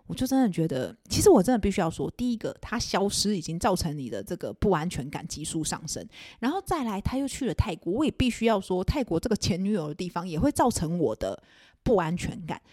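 A young woman with a Taiwanese Mandarin accent tells a personal story on her podcast at a quick clip. Her delivery is casual and confiding, and it flares into indignant exasperation. The sound is close and dry, with no room around it. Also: lowish voice, no echo. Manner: animated, venting with bursts of exasperation. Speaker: podcast host.

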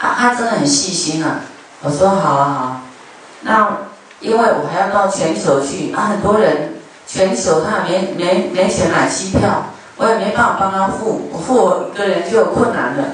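A woman's voice: medium pitch, moderate pace. A woman Buddhist dharma master giving a chatty sermon, joking with her audience in a lecture hall. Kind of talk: conversational sermon. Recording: very echoey hall, mic far off, faint noise.

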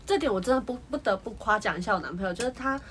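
A woman's voice: mid-range voice, lively intonation, racing, a bit bright, slight background noise. A woman co-hosting a podcast, chatting animatedly and often laughing while telling stories. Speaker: podcast co-host. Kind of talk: casual chat.

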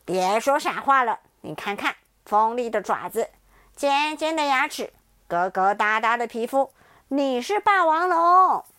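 A woman's voice: on the high side, expressive, measured pace, bright, forceful tone, clear, resonant tone, dry recording. A woman playing a taunting tyrannosaurus uncle. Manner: taunting, laughing menacingly. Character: menacing adult male tyrannosaurus, gloating.

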